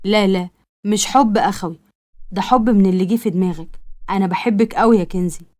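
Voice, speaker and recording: A woman's voice: mid-range voice, fast talker, dark tone, natural voice. A woman with an Egyptian accent voicing an earnest young man who courts a girl, pleading and reassuring. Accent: Egyptian Arabic.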